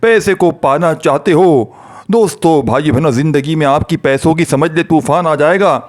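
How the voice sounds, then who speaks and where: A man's voice: fairly high pitch, normal speed. A man preaching and leading prayer for viewers, pleading with them in repetitive, fervent addresses. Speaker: religious preacher. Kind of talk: devotional talk to viewers.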